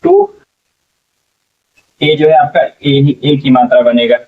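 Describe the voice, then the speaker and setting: Man slowly sounding out english words letter by letter, tinny phone-like sound, a bit off mic. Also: fairly high pitch, huge pitch swings, far from the mic. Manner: spells words letter by letter, repeating and asking "what will it become?". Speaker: English teacher. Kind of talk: slow spelling lesson.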